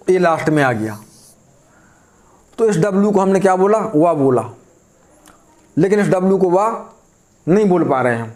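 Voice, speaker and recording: A man teaching an English grammar lesson, asking the class questions and answering them himself. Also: high voice.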